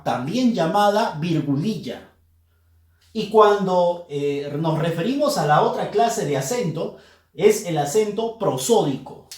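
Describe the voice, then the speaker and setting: A man's voice: high voice, darkish tone, reverberant. A man who is a language teacher, giving a grammar lesson in a video and speaking emphatically straight to his students. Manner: emphatic, addresses students directly.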